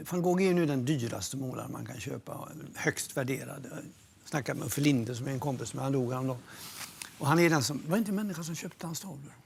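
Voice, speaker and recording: An older man, a film producer, reminiscing in a documentary interview, a lively storyteller who swears freely and acts out what others said. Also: medium pitch, creaky, slight background noise.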